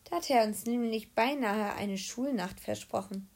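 A woman narrating a children's audiobook in a lively, humorous read-aloud manner. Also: a little high, moderate pace.

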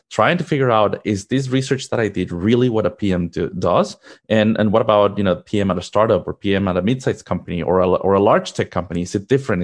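A Mexican man in his thirties with a fairly low voice, working as a product manager, answers interview questions. He sounds earnest and upbeat, using fillers and restarting sentences.

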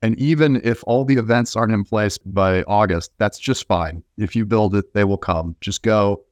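Low-pitched man answering interview questions. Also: normal speed, dry recording. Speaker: interview guest, venture investor.

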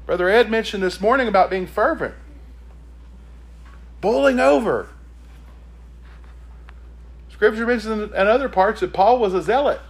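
A man's voice: high-pitched, normal speed, pauses often. A man preaching a sermon, reading scripture and pressing the congregation with emphatic rhetorical questions.

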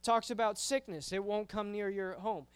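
A man gives a casual youth sermon in a high, smooth voice. He talks conversationally, repeats words as he goes and keeps asking "right?" The sound is close and dry, with no room echo. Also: steady tone, normal speed. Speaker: youth pastor.

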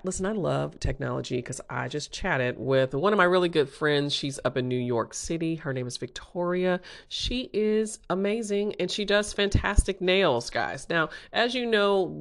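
A woman hosting a motivational talk, speaking directly to listeners in a conversational, emphatic and urging way. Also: on the low side. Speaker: podcast host and small business coach.

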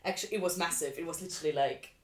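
The low-voiced woman, a Viennese dancer being interviewed, races through casual stories of her own experiences. She is recorded in an echoey living room.

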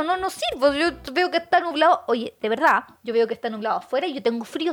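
A Chilean woman vlogging about her day as a mother, with rambling, animated and self-mocking stories. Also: high voice. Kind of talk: casual storytelling.

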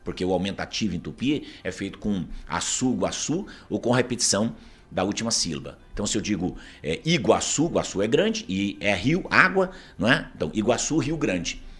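A man's voice: on the low side, very animated, moderate pace, a bit bright, husky. A Brazilian man with a Paraná accent, an interview guest arguing his views emphatically and often asking rhetorical questions. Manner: emphatic, argumentative, keeps asking rhetorical "isn't it true?". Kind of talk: opinionated conversational commentary.

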